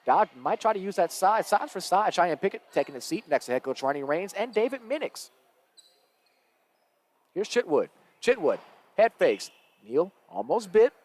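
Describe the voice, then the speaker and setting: A man calling live high school basketball play-by-play, quick and energetic as the action rises. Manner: rapid and energetic, rising with the action. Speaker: play-by-play announcer.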